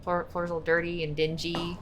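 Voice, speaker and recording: A woman's voice: lowish voice, completely flat delivery, moderate pace, a bit bright, slight background noise. A woman streaming a video game with casual, playful, wry chat.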